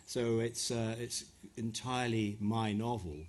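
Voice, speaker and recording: A middle-aged West African author, from Ghana or Nigeria, answers audience questions at a live talk in an event venue. His fairly low, darkish voice stays unhurried with little pitch movement, and he responds thoughtfully and hesitantly, restarting often.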